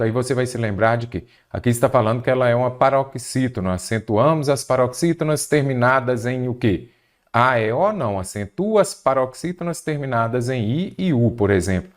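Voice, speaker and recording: A man teaching exam-prep grammar in a medium-pitched voice. He talks patiently and keeps posing questions to the class, then answering them himself. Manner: patient, asks and answers his own questions. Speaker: Portuguese teacher.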